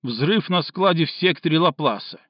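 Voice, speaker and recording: A man voicing a young woman who is hysterical and tearful, shouting accusations in a shrill, sobbing voice, in an audiobook reading. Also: expressive, normal speed, no echo, lo-fi sound.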